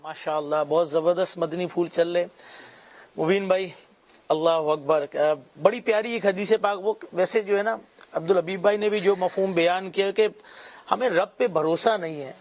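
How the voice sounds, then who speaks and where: Male religious show panelist, high voice, measured tone. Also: fairly even intonation, darkish tone. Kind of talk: religious talk show discussion.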